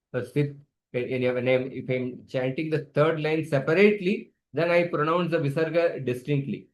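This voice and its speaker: A man teaching a scripture class, chanting Sanskrit verses slowly for students to repeat and patiently explaining pronunciation. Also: on the high side. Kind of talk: online scripture class with call-and-response chanting.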